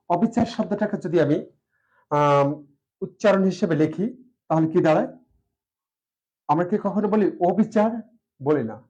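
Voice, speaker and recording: A man with a Bangladeshi Bengali accent lectures on pronunciation in a slightly raised but mellow voice. He speaks slowly and deliberately, stretching out each example word and filling his pauses with "ah". The recording is dull and lo-fi. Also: sits high. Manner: slow and deliberate, drawing out example words, frequent "ah" fillers. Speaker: teacher.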